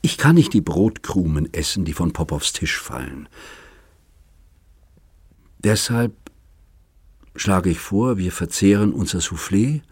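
A man reading the part of an earnest adult man who explains his hurt to his lover in a measured, precise manner. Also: sits low, expressive, breathy edge, no echo, clean studio sound, exaggerated voice. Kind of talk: audiobook character reading.

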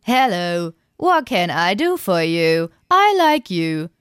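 A woman putting on a stiff, slow robot voice, playing a flirty humanoid robot in a casual podcast chat. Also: on the low side, sing-song, smooth, no room sound, clean studio sound. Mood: robotic flirty.

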